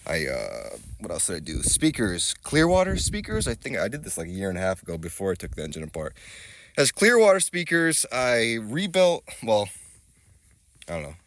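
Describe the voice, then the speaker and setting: With a stuffy head cold, this thirty-something vlogger shows off his car on a phone camera, both in a gravel driveway and inside the little vehicle. His lowish, slightly bright voice swings hugely in pitch at a normal speed while he rambles in a self-mocking way.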